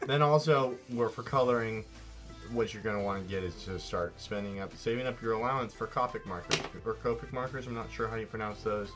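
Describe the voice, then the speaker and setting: A man co-hosting a casual drawing tutorial, talking in a rambling, playful way and often correcting himself. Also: on the low side. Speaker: art show co-host.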